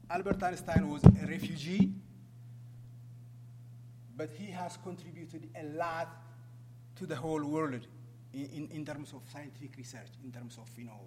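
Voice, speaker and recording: Male public speaker, Ethiopian accent, slightly high voice, halting delivery, reverberant noisy hall. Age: middle-aged or older, over 44. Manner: halting, asks the audience questions. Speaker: guest speaker, refugee advocate. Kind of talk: public talk to an audience. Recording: echoey hall, clear background noise and hum.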